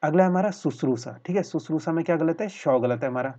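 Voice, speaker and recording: A man with a slightly high, warm voice talks fast through a Hindi spelling lesson over slides for exam aspirants, spelling words out syllable by syllable. He treats viewers as friends, asking questions and answering them himself while repeating a filler phrase. It's a dull lo-fi voice-over.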